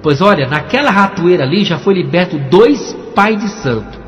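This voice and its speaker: A man's voice: sits high, lively intonation, normal speed. A man with a Brazilian Portuguese accent quoting a kind, motherly old church woman in his own voice. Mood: kindly. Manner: gentle and motherly. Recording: echoey hall, dull lo-fi sound, faint music.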